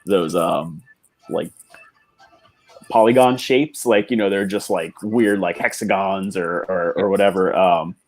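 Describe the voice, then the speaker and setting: A man's voice: low-pitched, measured pace, soft background music. A man co-hosting a casual livestream chat, thinking aloud with heavy filler words. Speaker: co-host on a model-building stream.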